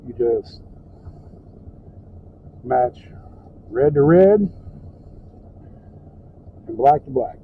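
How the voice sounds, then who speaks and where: Speaking extremely slowly with frequent pauses, a man with a mid-range voice and lively intonation walks through a casual hands-on how-to. This truck driver and trainer, plain-spoken and folksy, sits in his truck cab, recorded on tinny, phone-like audio with background noise.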